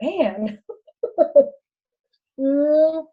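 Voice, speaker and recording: A chatty Texan woman in her thirties gives sales tips with laughing asides and calls her viewers y'all. Her voice sits high. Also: very slow, lo-fi sound. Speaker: direct-sales consultant and host. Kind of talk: casual how-to talk.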